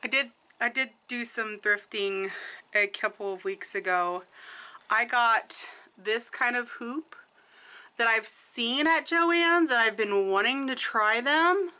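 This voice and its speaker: Slow, bright-voiced woman chatting casually. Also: a little high, clean tone. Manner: chatty and rambling, self-correcting. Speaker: cross-stitch vlogger. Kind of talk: casual chat.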